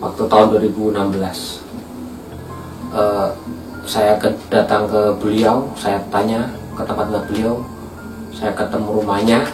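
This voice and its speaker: A man's voice: lowish voice, little pitch movement, measured pace, long pauses, recorded from a distance. A man casually telling a horror story in a chatty way, often speaking to listeners as guys. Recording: echoey room, off-mic, music behind.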